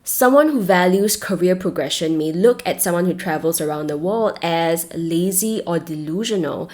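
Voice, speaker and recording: A woman with a Singaporean accent and a voice a little lower than most women's. She delivers scripted advice as a host, speaking straight to the listener and stressing her points. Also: darkish tone. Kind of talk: scripted advice talk to camera.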